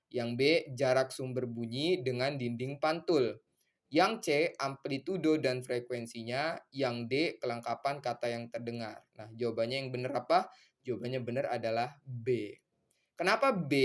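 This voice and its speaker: A young man tutors pupils through a school science question. He explains in a chatty, unhurried way, dragging out words as he goes. His voice sits at a medium pitch. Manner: chatty, drawn-out teacherly explaining. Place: tutoring center.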